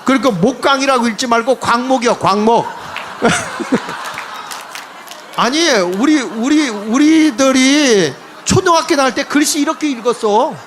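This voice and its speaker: High-voiced older man lecturing animatedly. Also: moderate pace, hardly any pauses, a faint crowd, a little hiss or hum. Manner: animated, mocking, quips with laughing asides. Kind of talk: political history lecture to an audience.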